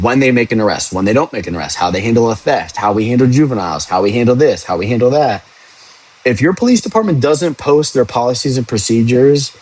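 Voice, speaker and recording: The audio is poor as a young police officer chats casually with livestream viewers, answering their questions. He has a lowish, darkish voice and speaks frankly, rambling and dropping a swear now and then.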